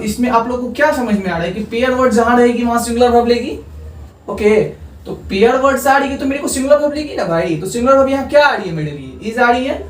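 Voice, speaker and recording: A man teaching English grammar in a video lesson. He dictates example sentences slowly and keeps checking in with "okay?". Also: very high voice. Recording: echoey room, far from the mic.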